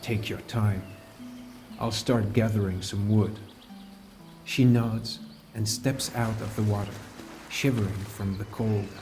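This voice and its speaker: Over background music, a man with a lowish voice narrates an audiobook in the first person as its lead character, a calm and caring fantasy adventurer and mentor. He recounts his journey in a measured, earnest way.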